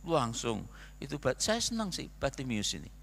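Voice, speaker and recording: A male pastor preaching a sermon in a church, animated, with rhetorical questions and acted-out quotes. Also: mid-range voice, moderate pace, vocal fry. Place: church sanctuary. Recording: long reverb of a church hall.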